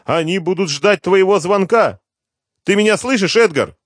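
A man voicing a panicked, shrill old mother. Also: normal speed, dry recording, studio quality. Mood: frantic, scared. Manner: frantic, shouting in alarm.

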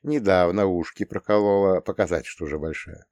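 Male audiobook reader with a low voice, dry and close, telling the story wryly in the first person. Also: fairly quick, a little mellow, no echo.

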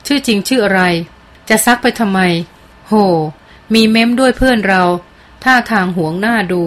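A woman's voice: fairly high pitch, normal speed, natural voice. Storybook voice: woman playing a sly young schemer, teasing and crude. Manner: teasing, baiting, casual crude slang. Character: sly scheming young man, smug friend.

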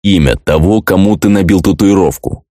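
A man's voice: deep voice, normal speed, no echo, clean studio sound, close to an everyday voice. A man voicing a cold, merciless young avenger. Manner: flat, icy, detached.

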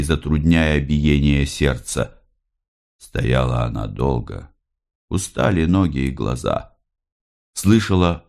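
A man narrating a novel aloud in a measured, unhurried reading. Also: very deep voice, darkish tone. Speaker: audiobook reader. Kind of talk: scripted literary narration.

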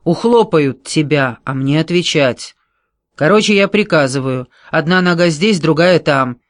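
Man reading as gruff border sergeant, coarse, exasperated, loud barked orders, dry close sound. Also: mid-range voice, measured pace, dry recording, close to an everyday voice. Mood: scornful. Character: gruff angry male border guard sergeant.

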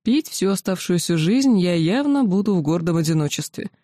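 A reader voicing a possessive male dragon who speaks calmly, with a commanding, teasing manner. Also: on the high side, normal speed, no echo, clean studio sound, natural voice. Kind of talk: audiobook character voice.

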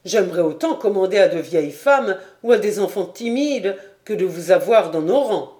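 A woman doing a loud, scornful sergeant. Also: medium pitch, lively intonation, moderate pace, lightly acted. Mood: mocking. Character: insolent boastful male sergeant, mocking soldier.

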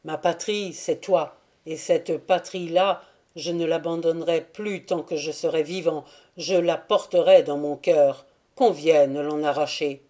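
A woman voicing a young male Cossack knight who speaks with vehement, loud passion, in an audiobook reading. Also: sits low, steady tone, measured pace. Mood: passionate. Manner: vehement, rising to loud declarations.

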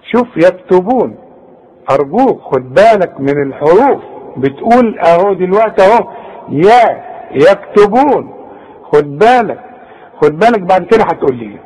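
A man's voice: sits high, a little mellow, slightly rough, poor audio. A man with an Egyptian Arabic accent teaching Quran recitation rules, speaking directly to the student and demonstrating each word. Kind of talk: tajweed lesson.

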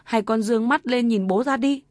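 A woman voicing a guilty young woman who pleads tearfully in halting words. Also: on the high side, fairly even intonation, no room sound, studio quality, voice pushed up. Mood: bitter.

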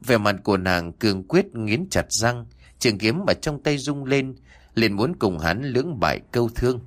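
A man narrating a martial-arts novel audiobook in an expressive, dramatic storytelling way. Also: mid-range voice, moderate pace.

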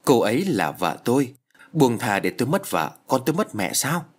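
Defiant young male ghost, possessive and mocking, voiced by a male narrator, husky tone. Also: mid-range voice, very animated, moderate pace.

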